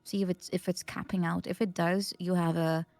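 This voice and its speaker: A woman's voice: lowish voice, level tone, brisk, a little mellow, no echo, soft background music. A woman hosting a casual chat stream, laughing often and restarting her sentences. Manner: giggly, with many laughs and restarts. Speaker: host.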